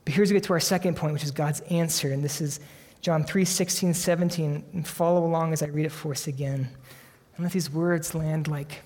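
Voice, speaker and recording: A man delivers a sermon in an earnest, emphatic way, drawing out important phrases slowly for weight. His voice sits a little high for a man. The sound carries a long reverb, like a large church hall. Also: fairly even intonation, a little mellow. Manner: earnest, emphatic preaching with slow dramatic pauses. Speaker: pastor.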